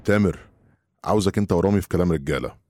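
A man's voice: low voice, very fast, warm tone, no room sound, studio quality, close to an everyday voice. An actor with an Egyptian accent playing a middle-aged family friend who is teasing and flowery in his talk. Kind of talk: audio drama acting.

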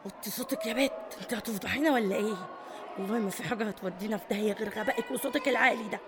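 A woman's voice: medium pitch, racing, a crowd in the background, background noise, close to an everyday voice. An actress with an Egyptian accent playing a tough, domineering middle-aged female prison boss who scolds and commands. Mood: bossy.

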